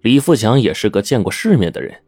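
一位男说书人以口语化的方式讲故事，语气生动，常带"啊""呢"等语气词。. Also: male voice, lowish voice, quick pace, breathy edge, dry recording, studio quality. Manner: lively, colloquial, chatty asides. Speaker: storyteller. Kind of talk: oral storytelling.

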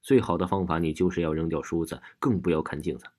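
A sensible young college girl explaining her findings, as a low, husky male narrator reads her. The voice stays close to the storyteller's own deep tone. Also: fairly even intonation, fast, darkish tone. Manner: explaining plainly. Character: calm, clever young female student roommate.

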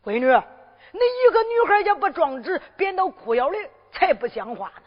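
A woman playing a disguised emperor posing as a wandering fortune-teller, fatherly and lively, teasing and scolding in turn, with a Henan accent, in a Henan zhuizi storytelling performance. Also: extremely high pitch, moderate pace, pitched above the performer's own voice. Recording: dull lo-fi recording with long reverb.

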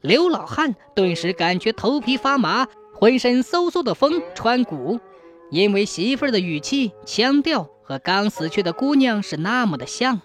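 Expressive woman telling a ghost story. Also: a little high, soft background music. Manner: measured, suspenseful, expressive. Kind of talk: scripted ghost story narration.

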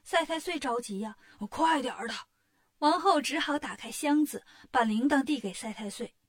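A woman narrating a children's story in a lively, sing-song, expressive way. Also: sits high, normal speed.

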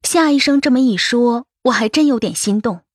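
A woman's voice: fairly high pitch, moderate pace, husky, dry recording, studio quality. A woman narrating a first-person novel as an audiobook, in a wistful, emotive storytelling manner.

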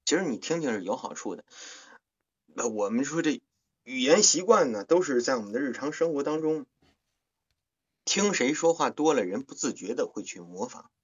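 Husky-voiced man, lively, on lo-fi stream. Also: mid-range voice, moderate pace. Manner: relaxed, explains things at length with playful asides. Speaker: livestream host and audiobook narrator. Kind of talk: casual livestream chat.

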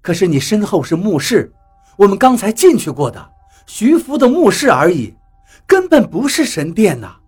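A blunt, doubting man on an expedition, speaking flatly in a storybook adventure, as the male narrator puts him on. The husky voice sits over faint background music. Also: sits high, normal speed, full character voice. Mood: doubtful. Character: doubtful, matter-of-fact male expedition member.

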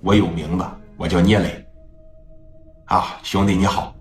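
A man voicing a proud young gang boss who speaks curtly and deliberately. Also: sits low, fairly even intonation, pitched below the performer's own voice. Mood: cold. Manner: curt, measured, deliberate. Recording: echoey room, faint music.

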